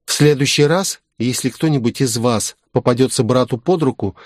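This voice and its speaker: A man voicing a young noblewoman healer who speaks calmly and commandingly, in an audiobook. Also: medium pitch, normal speed, no room sound, clean studio sound, close to an everyday voice. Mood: calm warning. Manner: calm, commanding. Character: young noble woman healer, calm and stern.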